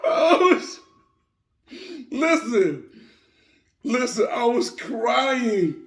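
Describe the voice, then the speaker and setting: A man casually telling a vacation story in an animated way, often repeating himself. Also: very high voice, very slow, echoey room. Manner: animated, laughing through his words, repeats himself.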